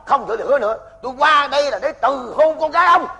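A loud, pompous in-law, played by a man, firing off blunt remarks at a rapid clip. His voice is high, bright and sharp, and it swings up and down. It rings out with long reverb in a stage hall. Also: expressive, vocal fry, heavily acted. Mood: accusing. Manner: loud, blunt, fast-talking. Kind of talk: stage comedy sketch.

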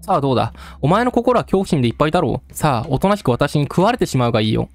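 A man voicing a rough-talking male storyteller who taunts the listener in coarse street speech. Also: on the high side, sing-song, racing, faint music behind. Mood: taunting. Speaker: game let's-play narrator.

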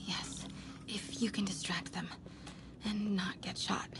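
An actress playing a brave, determined young woman reporter in a video game, speaking urgently and often hushed. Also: medium pitch, normal speed, heavy background noise, lightly acted. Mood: hushed, tense. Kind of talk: dramatic video game acting.

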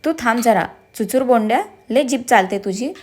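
A woman voicing a lively young bride who scolds and teases her husband in a told story. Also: fairly high pitch, normal speed, lightly acted. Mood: playful. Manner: playful scolding.

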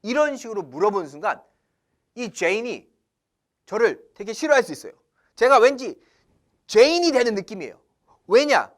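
Male English teacher, casual lesson delivery, very lively pitch, asks and answers his own questions. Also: normal speed, pauses often. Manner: animated, asks rhetorical questions then answers; switches into English phrases.

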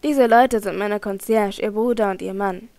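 A woman's voice: medium pitch, moderate pace, warm tone, no room sound, lightly acted. A woman reading the part of a self-assured middle-aged male opera director who speaks emphatically in an audiobook.

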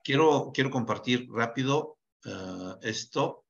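A man with a mid-range voice hosts an online class and thanks the group warmly and courteously, pressing on because time is short. The video-call audio sounds a little dull. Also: mid-range voice, lively intonation, slow, creaky. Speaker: class host.

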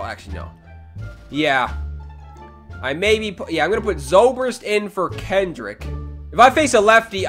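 A man's voice: high voice, a bit bright. A young man giving casual gameplay commentary as a video host, reacting aloud to plays and complaining in exasperation. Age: young adult.

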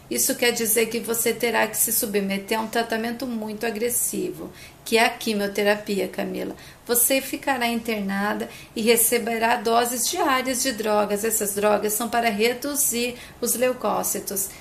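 An earnest male doctor gently walking a patient through hard news, read by a woman in a soap recap, with a gravelly rasp in the voice. a faint hiss sits behind it. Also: on the high side. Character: calm middle-aged male doctor, earnest.

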